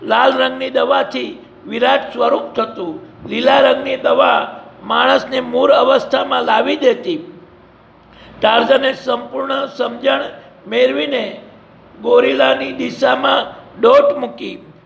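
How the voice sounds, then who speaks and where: A man's voice: very high-pitched, steady tone, slow pace, vocal fry, a bit bright. A man narrating a storybook adventure dramatically, in an echoey, dull lo-fi recording.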